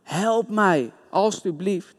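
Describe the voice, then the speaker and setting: A man's voice: sits high, slow pace. A man voicing a blind beggar who cries out and pleads for help, in a hall with long reverb. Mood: pleading.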